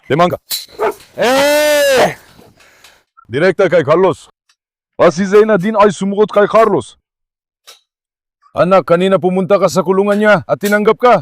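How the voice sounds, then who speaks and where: Male dog-owner vlogger with a high voice and a dry, close sound. He narrates casually, coaxing and scolding his dogs. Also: no echo. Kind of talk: casual vlog narration while handling dogs.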